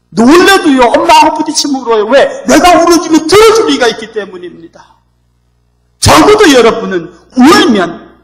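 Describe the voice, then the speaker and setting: A male pastor preaching a sermon in a lively, emphatic and playful way. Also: extremely high pitch.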